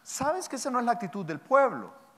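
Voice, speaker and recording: A pastor delivers a sermon in a high, bright-pitched voice that carries through a large hall with a long reverb. He is animated and playful, teasing his listeners with rhetorical questions between his points. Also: fairly quick. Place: church hall.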